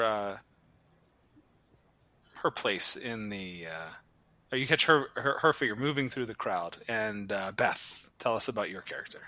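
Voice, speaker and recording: A man running a tabletop game as game master, halting, with many fillers. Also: mid-range voice, pushed and bright, dry recording.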